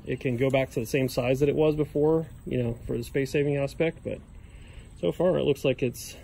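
A man in his thirties hosts a home maintenance vlog in a suburban yard, his medium-pitched voice steady, brisk, and mellow. He talks plainly in a casual how-to style with fillers and restarts, filmed on a phone camera at arm's length, and the outdoor audio carries clear background noise.

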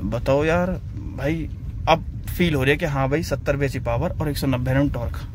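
A young man, an excitable car vlogger commentating a roadside drag race, repeating himself and calling everyone brother. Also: medium pitch, fairly quick. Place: outdoors on a road beside cars. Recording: outdoor recording with loud car and road noise. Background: car engines and street noise.

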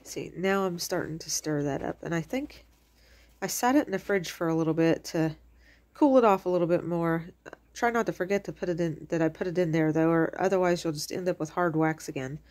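Lowish, fairly quick, and a bit dark in tone, the voice belongs to a middle-aged woman whose allergies make her sound slightly congested. She hosts a crafting channel and chats loosely through a craft tutorial from her home kitchen, dropping in many fillers.

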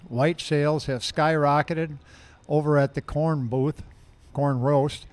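A man's voice: on the high side, a little mellow. A middle-aged man reading a mock field report into a handheld mic.

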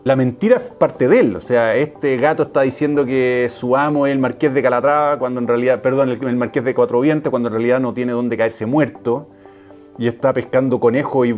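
A male teacher retells a classic fairy tale in a loose, conversational way, pausing for wry asides and quick self-corrections. His voice sits at a middle pitch, and faint music runs quietly underneath. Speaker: teacher and storyteller. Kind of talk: casual storytelling with asides.

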